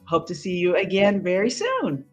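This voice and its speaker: A woman's voice: mid-range voice, wildly swooping pitch, normal speed, slightly rough, soft background music. A woman speaking as a guest on a casual live stream chat, friendly and grateful. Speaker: interview guest, channel host.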